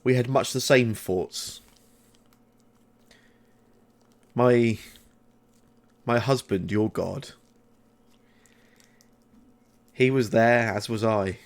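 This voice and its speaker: A man voicing a calm, ancient mother goddess in a tabletop game, with measured and formal phrasing. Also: mid-range voice. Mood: calm, grave. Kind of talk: tabletop role-play.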